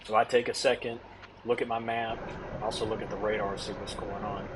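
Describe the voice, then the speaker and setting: A man's voice: fairly low pitch, little pitch movement, a little fast, background noise. A man giving a casual, explanatory voice-over as a storm chaser narrating his own footage.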